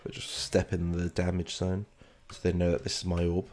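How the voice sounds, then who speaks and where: This gaming streamer from London, England has a deep, darkish voice and talks at a normal speed in a monotone. With his British London accent, he offers chatty, meandering commentary and replies to his viewers as the game goes on.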